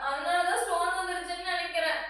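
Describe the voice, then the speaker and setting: A woman's voice: very high-pitched, flat delivery, fast talker, bright, forceful tone. A woman acting in a comedy skit at home, whining and complaining. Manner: whiny and complaining. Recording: echoey room, far from mic.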